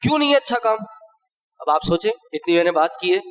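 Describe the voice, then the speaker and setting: A man's voice: sits high, lively intonation. A male preacher giving a Friday sermon, explaining rulings step by step and asking and answering his own questions. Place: mosque. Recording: long hall reverb.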